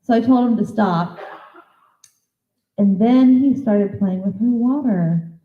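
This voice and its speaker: A woman's voice: fairly high pitch, slow pace. Woman telling stories in an echoey hall. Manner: lively storyteller who acts out conversations. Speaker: psychic medium giving a talk. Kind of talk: anecdotal storytelling presentation. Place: convention presentation room. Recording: echoey hall, thin phone-like sound.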